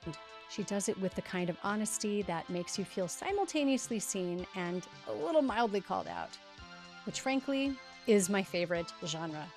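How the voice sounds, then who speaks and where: A woman's voice: medium pitch, lively intonation, moderate pace, faint music behind. A middle-aged woman hosting a podcast, reading a scripted introduction in an emphatic, conversational way. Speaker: podcast host.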